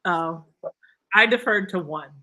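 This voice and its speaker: A woman speaks slowly and without hurry in casual livestream chat. Her tone is bright, and she laughs easily as she talks. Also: on the low side, rough recording. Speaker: livestream guest.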